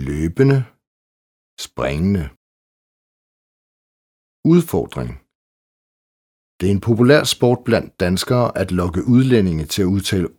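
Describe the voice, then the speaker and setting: Deep, husky male narrator for a slow, measured pronunciation lesson. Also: a little mellow. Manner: slow, measured, reads example words one by one. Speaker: pronunciation teacher. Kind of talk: scripted instructional narration.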